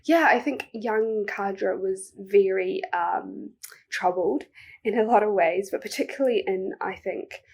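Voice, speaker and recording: A young woman with a New Zealand accent answering interview questions as a poet, speaking in a soft, reflective way with many ums. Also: medium pitch, a little slow, gravelly, over music. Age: young adult.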